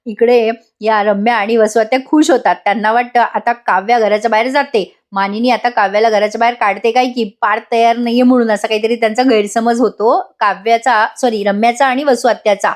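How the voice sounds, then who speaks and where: A woman's voice: fairly high pitch, fairly even intonation, a little fast, few pauses. Chatty woman recapping a TV episode. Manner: chatty, addresses the audience. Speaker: episode reviewer.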